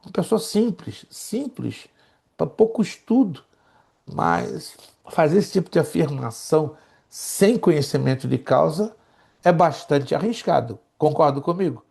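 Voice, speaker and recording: Jovial gravelly man in his sixties. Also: on the high side, expressive, a little slow, darkish tone. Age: 60s. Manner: jovial, teasing, asks the class questions. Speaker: theology teacher and pastor. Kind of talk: classroom lecture.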